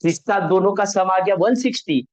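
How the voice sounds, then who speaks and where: A man's voice: sits high, moderate pace, a little mellow, rough recording. A man teaching a networking class online. He asks the class questions, answers them himself and corrects his own slips. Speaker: networking instructor.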